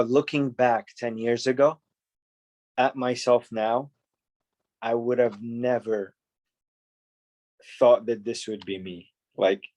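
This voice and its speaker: A man's voice: medium pitch, a little mellow, highs cut off. A man teaching a class on a video call, earnest and encouraging, often repeating words.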